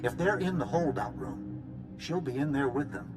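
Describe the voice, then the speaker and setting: A man with a fairly high, natural voice plays a resolute general briefing troops for war in a video game. He speaks at a moderate pace over music, sounding authoritative and businesslike.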